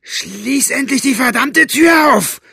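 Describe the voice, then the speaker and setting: A man's voice: sits high, normal speed, creaky, bright, forceful tone, husky, no room sound, clean studio sound, voice pushed up, full character voice. A man voicing a vicious male henchman behind bars, shrieking insults and threats. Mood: raging.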